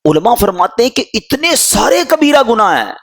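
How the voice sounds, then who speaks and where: A man's voice: very high-pitched, big pitch swings, fairly bright tone. A man with a Pakistani Urdu accent preaching a sermon, emotional and pleading with his listeners.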